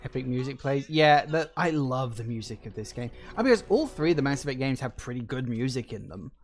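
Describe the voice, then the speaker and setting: A man's voice: mid-range voice, expressive, brisk. Offhand, blunt man commentating on a game. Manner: offhand, blunt, mildly sweary. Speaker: gameplay commentator. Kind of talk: casual video game commentary. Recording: voice over game music.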